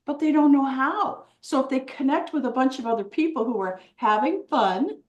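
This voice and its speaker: A woman co-hosting a podcast in a casual chat, playful and quick to laugh. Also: sits high, roomy sound, lo-fi sound. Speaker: podcast co-host.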